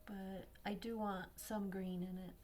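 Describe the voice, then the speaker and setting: A woman's voice: mid-range voice, unhurried. Woman narrating a coloring demo, thinking aloud. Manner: relaxed, thinking aloud, drops to near-whispers at times. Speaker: craft tutorial host.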